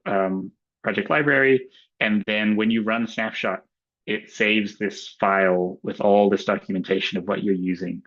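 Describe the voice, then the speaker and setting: An Australian man presenting a webinar in a casual, relaxed way, with frequent ums and uhs. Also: fairly low pitch. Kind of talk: relaxed webinar talk with slides. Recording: dull lo-fi webinar audio.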